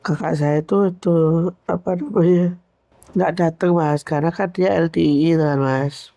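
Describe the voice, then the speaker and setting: A woman's voice: fairly low pitch, steady tone, a little slow, creaky, dark tone. A middle-aged woman with a Javanese accent, telling a personal story earnestly and on the edge of tears. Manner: tearful, earnest, addresses listener as Mas. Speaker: storytelling guest. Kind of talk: emotional personal account.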